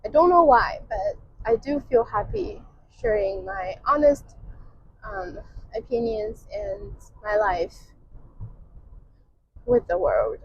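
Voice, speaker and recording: Slow, soft-spoken woman with lively pitch. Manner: hesitant, many filler pauses. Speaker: vlogger. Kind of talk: casual reflective monologue. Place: in a car while driving to work. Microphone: clip-on mic. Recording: dull lo-fi with faint car noise.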